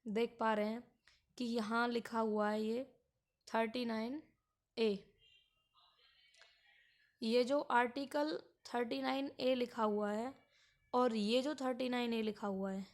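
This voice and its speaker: A woman teaching an exam-prep lecture in a slow, explanatory way, repeating points for students. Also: on the high side.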